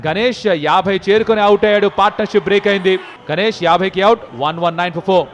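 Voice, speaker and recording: A man delivering excited live cricket commentary as a match commentator. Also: sits high, quick pace, lo-fi sound. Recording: noisy crowd behind live commentary. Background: stadium crowd.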